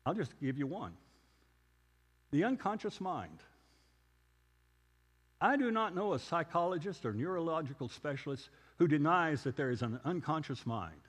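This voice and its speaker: A man's voice: fairly high pitch, animated, moderate pace, long pauses, slightly rough, long reverb tail. A man giving a conversational sermon lecture, telling stories and asking rhetorical questions. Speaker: preacher.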